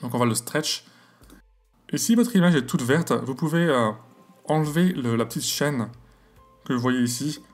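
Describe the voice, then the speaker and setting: A man with an English accent hosting a screen-recorded astrophotography software tutorial, talking casually and hesitantly with many fillers and self-corrections. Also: medium pitch, lively intonation, normal speed, pauses often, soft background music.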